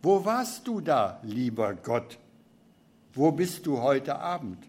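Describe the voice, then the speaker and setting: A man's voice: mid-range voice, big pitch swings, takes it slowly, darkish tone. A man preaching a reflective sermon, reading scripture and drama aloud.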